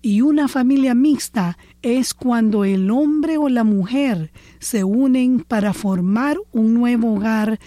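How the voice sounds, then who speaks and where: Slow, measured woman host. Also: a little high, mellow, no echo, clean studio sound. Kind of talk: scripted talk-show hosting.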